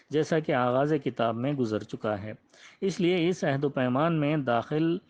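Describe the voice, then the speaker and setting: A man reading a religious biography aloud in a measured, reverent way and ending with a prayer. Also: on the high side, darkish tone. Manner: measured and reverent, with frequent honorifics. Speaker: religious history reader. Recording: slightly muffled, dull audio.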